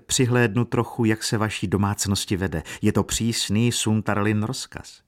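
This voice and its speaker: A man voicing a gentle, tearful young woman who talks in a trembling, pleading way. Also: lowish voice, steady tone, close to an everyday voice. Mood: polite.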